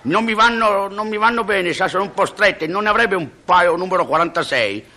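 A man playing a whiny, polite customer fussing over tight shoes. His voice is raised high and bright. The telling is a stand-up joke. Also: brisk. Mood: fussy.

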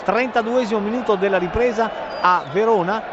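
A man giving breathless, excited live goal commentary as a football radio commentator. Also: high voice, fairly quick. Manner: breathless, excited, urgent delivery. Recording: dull lo-fi broadcast, loud stadium crowd. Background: stadium crowd noise.

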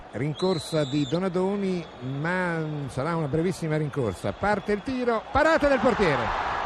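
Man, Italian accent, excitable goal commentary, live football play-by-play, raised pitch, clearly noisy outdoor recording.

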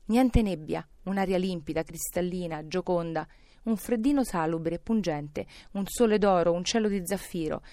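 Expressive woman reading an audiobook. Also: fairly low pitch, moderate pace, no echo, studio quality. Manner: expressive, theatrical storytelling. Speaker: narrator. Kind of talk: audiobook reading of a classic novel.

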